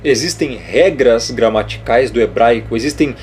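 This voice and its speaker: A man's voice: medium pitch, moderate pace, a little mellow, slight background noise. A man explaining letters on a board as a religious teacher, emphatic and scolding, checking in often with short questions. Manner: emphatic, scolding, repeats points with "tá?" and "ok?". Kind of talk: didactic explanation over a board.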